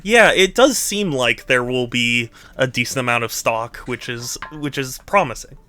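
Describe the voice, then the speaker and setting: Playful, bright-voiced male game streamer. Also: mid-range voice, unhurried. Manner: playful, animated, teasing. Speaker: video game live streamer. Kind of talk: casual chat with viewers while gaming.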